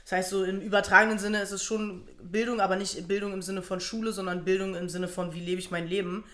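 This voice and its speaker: A woman's voice: mid-range voice, flat delivery, fast talker, a bit bright. A woman from Germany in casual chat as a podcast co-host, blunt and crude, swearing freely.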